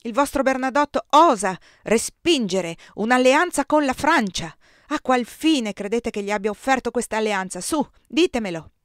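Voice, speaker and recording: A proud, irritable emperor, read aloud by a woman speaks in a commanding, sarcastic tone that can flare into shouting. The voice sits at a medium pitch. It is recorded dry and close for an audiobook. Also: animated, moderate pace, dry recording, natural voice. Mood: furious. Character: imperious irritable male emperor, sarcastic and quick to rage. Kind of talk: audiobook reading.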